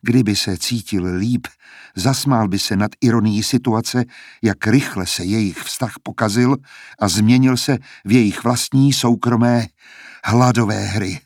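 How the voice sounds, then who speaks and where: Husky guy reading an audiobook, steady pace, dry close mic. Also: lowish voice, dry recording. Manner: steady, measured storytelling. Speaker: narrator. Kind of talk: audiobook narration.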